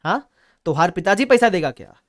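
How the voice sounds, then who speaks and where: A man's voice: high voice, lively intonation, fast talker. Man voicing a blunt teasing shopkeeper. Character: cheeky male laptop shopkeeper, blunt.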